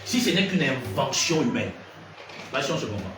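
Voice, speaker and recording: A Gabonese man preaches a teaching sermon to a congregation, constantly firing questions at his listeners in a lively, probing way. His voice is medium-pitched and moves at a normal speed. The recording is noisy, captured from a distance in an echoey room.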